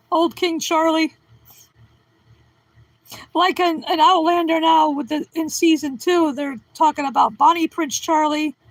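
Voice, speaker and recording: A woman's voice: high-pitched, steady tone, unhurried, no echo, low-quality recording. A middle-aged woman hosting a casual livestream at home, answering chat and cracking goofy, self-deprecating puns. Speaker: livestream host reading chat.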